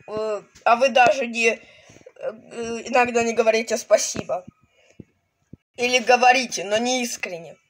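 A woman voicing a crazed, gloating male mad scientist professor in an amateur toy animation, speaking haltingly. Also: fairly high pitch, lightly acted. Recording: noisy home recording with clicks.

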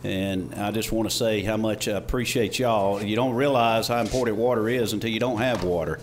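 A man's voice: fairly low pitch, fairly quick. A middle-aged man with a Southern US accent giving an informal, folksy thank-you speech at a podium microphone, with slightly off R sounds. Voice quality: trouble pronouncing R's. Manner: folksy, conversational. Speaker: mayor. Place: indoor council chamber. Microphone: podium gooseneck microphone. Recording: clear background noise, room ambience.

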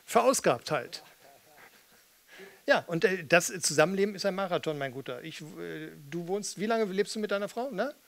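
An older stage performer, both singer and spoken-word artist, chats casually between songs in a small theatre with red seats and curtains. He speaks into a studio mic on a stand fitted with a pop filter. His voice is high-pitched, animated and gravelly, at a moderate pace.

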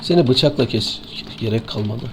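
A man with a Turkish accent streaming an online game, sleepy and excitable, swearing and taunting opponents as he plays. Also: mid-range voice, moderate pace, a little hiss or hum. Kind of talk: live gameplay commentary.

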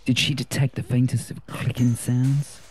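A man narrating a story in a measured, steady audiobook style. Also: medium pitch, slightly rough.

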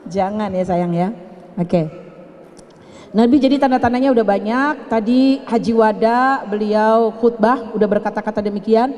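A woman's voice: a little high, a little mellow. An older woman preaching to a women's gathering at a mosque, chatty and playful, teasing her listeners. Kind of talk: sermon. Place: mosque hall. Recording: long hall reverb.

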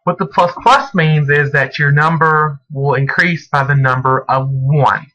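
A man narrating a step-by-step programming screencast, speaking in halting, deliberate phrases as if dictating while he types. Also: on the high side, steady tone, pushed and bright, lo-fi sound. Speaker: programming tutorial presenter. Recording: noisy home recording with mouse and key clicks. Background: clear background noise, clicking.

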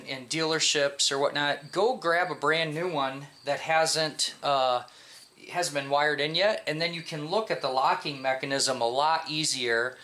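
Here, a man in his forties from the US acts as a mechanic leading an informal hands-on tutorial in a home garage workshop. He's conversational and instructive, often checking in with questions, and his mid-range voice sounds pushed and bright.

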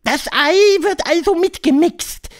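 A man reading an audiobook, voicing an imperious female witch leader who lectures in a shrill, drawn-out way. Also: a bit bright. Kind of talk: audiobook character voice.

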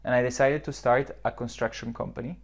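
A man's voice: medium pitch, fairly even intonation, a little fast. A young man in his twenties from southern Switzerland, a startup founder answering reflectively in a podcast interview with lots of fillers, recorded on a lapel mic in an office lounge. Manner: reflective, many fillers and restarts. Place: modern office lounge, indoors.

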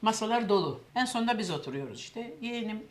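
Older woman, animated storyteller voicing others, faint background noise. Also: medium pitch, quick pace. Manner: lively storyteller, acts out quoted voices. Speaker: cooking show host telling a story. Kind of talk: casual anecdote.

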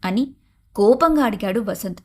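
A woman's voice: mid-range voice, moderate pace. Woman narrating a cartoon story. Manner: even, storytelling narration between dialogue.

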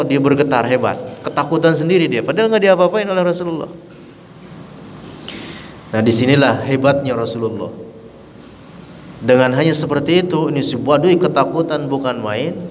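Teacher preaching in an echoing mosque hall. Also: male voice, fairly high pitch, slight background noise. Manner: lively storyteller acting out quoted voices. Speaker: Islamic teacher. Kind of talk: dawn study-circle sermon storytelling.

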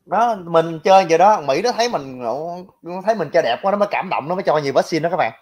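A man's voice: fairly high pitch, expressive, quick pace. A man giving blunt, mocking casual political commentary, talking directly to his viewers. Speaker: livestream commentator.

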